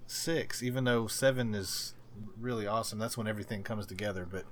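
A man with a low voice chats casually as a podcast co-host. He rambles and stops himself mid-thought. Faint hiss sits under his voice. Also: a little fast. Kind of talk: casual chat.

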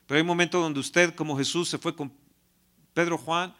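A man's voice: on the high side, steady tone, a little fast. A man preaching a sermon who retells a Bible story and acts out its characters. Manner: reads scripture softly, then preaches with rising intensity; acts out biblical characters in dramatized quotes.

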